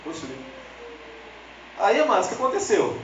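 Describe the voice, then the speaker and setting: Fairly quick and conversational, this lay preacher with a Brazilian Portuguese accent spins a funny storytelling sermon for his congregation, putting on lively high voices for quoted characters. He's captured slightly distant in an echoey church hall, with a faint hiss or hum.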